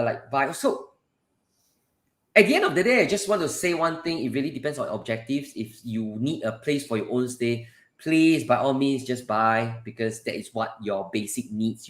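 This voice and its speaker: A man with a Singaporean accent hosting a casual live advice stream, conversational and repetitive, speaking straight to his viewers. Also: mid-range voice. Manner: repetitive, conversational, often addresses listeners directly. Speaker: live session host and property adviser. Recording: roomy, echoing sound.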